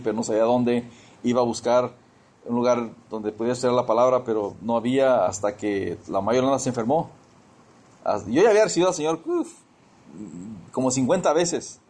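A man's voice: mid-range voice, a little mellow. Man, preacher, conversational sermon, repeats himself. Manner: conversational testimony, frequent restarts and repeats.

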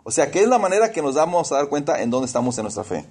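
A man's voice: a little high, very animated, fast, a little mellow, breathy edge. A man preaching a sermon, telling personal stories, calling listeners brothers and slipping English words into his talk.

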